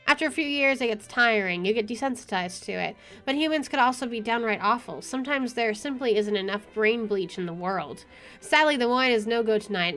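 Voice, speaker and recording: A woman reads visual novel narration aloud with wry, dramatic expression while game music plays behind her. Her voice is fairly high in pitch and a bit bright.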